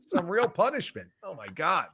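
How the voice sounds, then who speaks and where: High-pitched, very animated, gravelly man hosting. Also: moderate pace. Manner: excitable, exclamatory. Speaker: show host. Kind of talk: casual live show banter.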